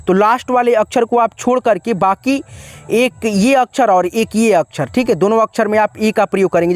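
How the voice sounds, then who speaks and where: A man's voice: sits high, dry recording. A man teaching a spelling lesson in a patient, repetitive way, asking questions and answering them himself and calling his viewers friends. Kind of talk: classroom-style spelling lesson.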